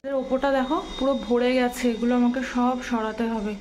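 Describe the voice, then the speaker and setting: A young woman talks chattily and straight to her viewers. Her voice sits high. It is a casual phone vlog with loud background noise. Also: steady tone, brisk. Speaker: vlogger. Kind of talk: casual everyday vlog narration.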